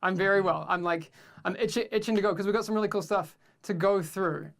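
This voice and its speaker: A man's voice: high voice, a little fast. A man hosting a game livestream show, upbeat and full of fillers. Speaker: host.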